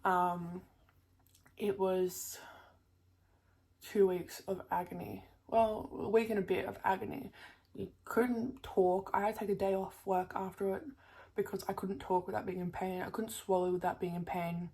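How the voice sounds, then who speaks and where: Young aussie woman vlogging, raspy fry in her voice, lots of "like" and "um", bit tongue-tied. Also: mid-range voice, fairly even intonation, moderate pace, mellow. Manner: chatty, swears casually, many fillers and "like". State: slightly impeded speech from a new tongue piercing. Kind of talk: casual chat to camera.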